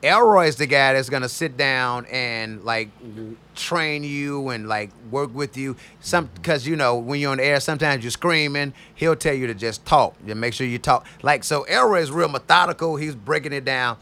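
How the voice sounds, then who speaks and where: Bright-voiced radio DJ man. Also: medium pitch. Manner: loose, conversational, drawn-out stories. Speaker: radio DJ guest. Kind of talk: casual interview talk.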